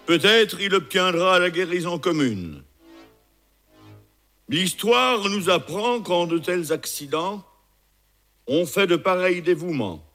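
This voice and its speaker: A proud lion king from a recited fable, read by a man. He declaims slowly and gravely in a bright voice. Every phrase is weighed. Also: high voice, animated, soft background music, exaggerated voice. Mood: solemn. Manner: slow, solemn declaiming.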